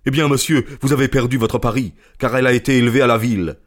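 A man reading an audiobook, voicing an irritable middle-aged goose seller who talks gruffly and boastfully. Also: medium pitch, moderate pace, pitched above the performer's own voice, lightly acted.

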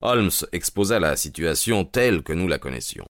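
A man narrating an audiobook in a steady, measured way. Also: low voice, no room sound, clean studio sound.

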